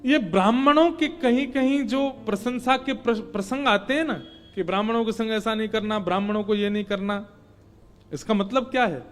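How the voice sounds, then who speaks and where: A man giving a devotional story sermon, telling the tale dramatically and chanting verses slowly. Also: sits high. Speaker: kathavachak, Bhagwat storyteller. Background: faint instrumental music.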